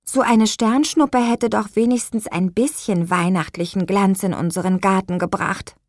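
A woman voicing a dreamy, slightly stubborn young girl in an audiobook, who also sings a slow children's song. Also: medium pitch, no echo, clean studio sound, natural voice. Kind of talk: audiobook character voice.

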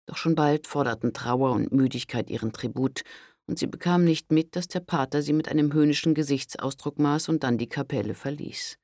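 Calm male audiobook narrator, dry close sound. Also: fairly high pitch, no echo. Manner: calm and measured. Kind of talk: scripted historical audiobook narration.

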